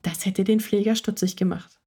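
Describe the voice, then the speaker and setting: Breathy woman reading a children's story. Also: medium pitch, moderate pace. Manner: calm reading, dropping to a whisper at tense moments.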